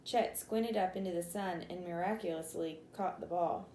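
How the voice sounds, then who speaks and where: A woman's voice: fairly low pitch, normal speed, dark tone, reverberant, a little hiss or hum, low-quality recording. A woman teacher reads a chapter book aloud to her class, lifting her voice for the characters' lines and stopping now and then to explain a word.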